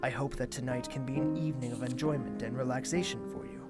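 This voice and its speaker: Guy playing a polite young prince reading a formal letter, loud plucked guitar music behind him. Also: mid-range voice, steady tone, quick pace, lightly acted. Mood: courteous, inviting. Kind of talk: letter read aloud in audio drama.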